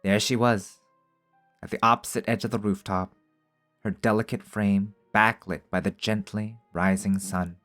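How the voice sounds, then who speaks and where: A man's voice: lowish voice, fairly even intonation, unhurried, a bit bright, soft background music. Man narrating a game, swearing between lines. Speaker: streamer reading a visual novel aloud. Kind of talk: story narration mixed with casual commentary.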